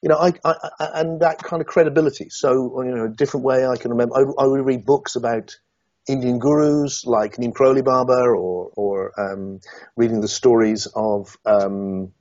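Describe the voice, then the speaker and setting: A man's voice: mid-range voice, normal speed, dry recording, highs cut off. A middle-aged man from Somerset, England, a guest in an interview, talking reflectively and hesitantly, with many restarts. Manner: hesitant, many restarts, animated when recounting.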